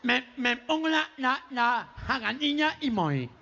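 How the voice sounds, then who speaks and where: A man's voice: very high voice, big pitch swings, unhurried, pushed and bright, muffled recording, exaggerated voice. A man with an Argentine accent voicing a small boy who has a nasal speech impediment and mumbles his words. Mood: nasal mumbling. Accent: Argentine Spanish.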